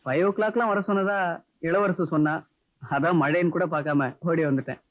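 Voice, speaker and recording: A man's voice: fairly high pitch, fairly quick, no echo, lightly acted. An actor playing a devoted young man, hurt yet teasing, in 1980s Tamil film dialogue with English phrases mixed in. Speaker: film hero. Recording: dull lo-fi 1980s film soundtrack, faint music.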